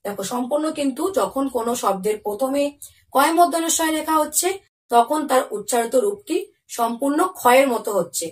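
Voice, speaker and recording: A woman teaching a Bengali lesson to young children. She asks the pupils questions and answers them herself, and says each example word slowly and clearly. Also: high voice, lively intonation, recorded from a distance.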